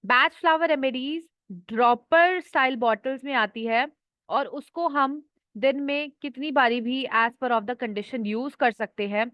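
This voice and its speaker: A woman's voice: high voice, no echo, highs cut off. A woman teaching an online class, reading out a list of names one at a time. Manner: slow, listing names one by one.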